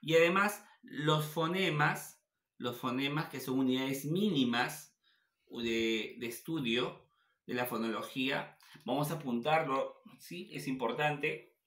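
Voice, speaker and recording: A male teacher giving a classroom lecture at the board, asking questions and answering them himself, spelling words out slowly. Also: medium pitch, fairly bright tone. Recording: echoey classroom.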